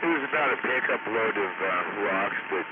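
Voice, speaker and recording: A man's voice: on the low side, expressive, moderate pace, phone-quality sound. A man chatting on a CB radio channel, joking around in a talkative, easygoing way. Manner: joking and talkative, laughs between lines. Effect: heard over a CB radio channel. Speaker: CB radio operator. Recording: loud static over CB radio.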